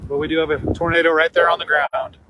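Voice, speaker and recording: Loud wind batters the microphone as a man speaks in a high-pitched voice. He gives live storm-chasing commentary from open country. His delivery is urgent and excited. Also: fast talker. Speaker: storm chaser.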